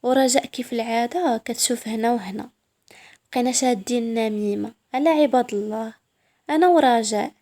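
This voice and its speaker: A woman's voice: fairly high pitch, a little fast, warm tone. A woman with a Moroccan accent narrating a first-person story in a proud, sassy way.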